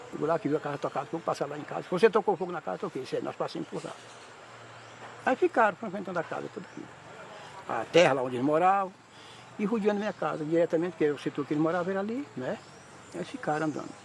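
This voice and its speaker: Man, high voice, quick talk, gravelly. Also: a little hiss or hum. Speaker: interviewee, local villager. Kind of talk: spoken testimony.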